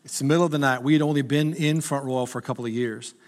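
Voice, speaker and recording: A man's voice: mid-range voice, steady tone, fast talker, big-room sound. A middle-aged male pastor preaching a sermon in a conversational, humorous way that rises to urgent appeals.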